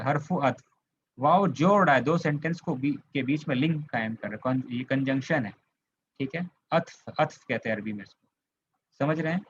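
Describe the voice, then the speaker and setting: A man from India with an Indian accent, teaching an Arabic grammar lesson, patiently repeating points and checking that students follow. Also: fairly high pitch. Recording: slightly dull lo-fi audio with faint hiss.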